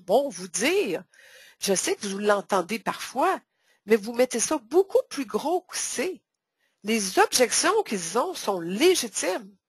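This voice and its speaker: A woman's voice: mid-range voice, slightly rough, no room sound. A woman with a Québécois French accent hosting a sales training webinar, talking emphatically and repeating words for stress. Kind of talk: webinar presentation.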